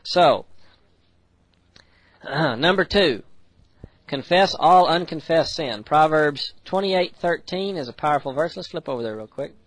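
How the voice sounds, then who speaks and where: An American man preaches with earnest conviction. He slows down for scripture and rushes through quick personal asides. His voice sits on the higher side and sounds close and dry, with no room echo. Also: animated. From United States. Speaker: pastor. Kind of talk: sermon.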